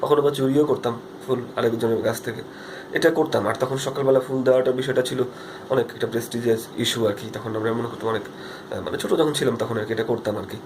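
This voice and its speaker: A man's voice: mid-range voice, steady tone, fast talker, background noise. A young Bangladeshi man speaking Bengali with a Bangladeshi accent, talking earnestly into his phone's front camera in a casual video diary, with many fillers and restarts. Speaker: vlogger.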